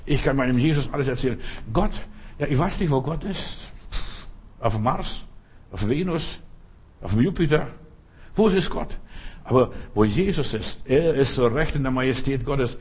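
A man preaching a sermon, emphatic and repetitive, drawing out key phrases slowly. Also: medium pitch, lively intonation, darkish tone, slightly rough. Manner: emphatic, repetitive preaching with slow drawn-out stresses.

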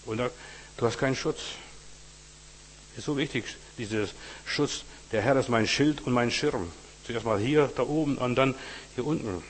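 A man's voice: medium pitch, measured pace, pauses often. A man preaches a sermon and speaks straight to his listeners, leaning hard into dramatic scripture readings. His voice carries a long hall reverb. A faint hum sits behind it. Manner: direct address with frequent 'weißt du', dramatic scripture readings.

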